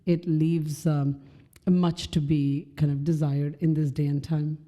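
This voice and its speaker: A woman with a low, very mellow voice co-hosts a podcast. She speaks thoughtfully and often searches for her words. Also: little pitch movement, measured pace. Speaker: podcast co-host. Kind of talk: casual conversational chat.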